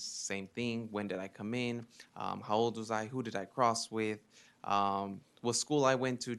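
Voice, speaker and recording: A man's voice: lowish voice, a bit bright, smooth. A young man in his twenties from Mexico, giving earnest prepared testimony to a legislative committee with frequent ums. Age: 20s. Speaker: witness testifying.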